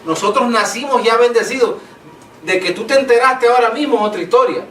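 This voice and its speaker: A man's voice: extremely high pitch, fairly quick, a bit bright. Man, pastor, conversational preaching, echoey room, faint hiss. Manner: affirming, conversational. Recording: echoey room, mic at a distance, faint noise.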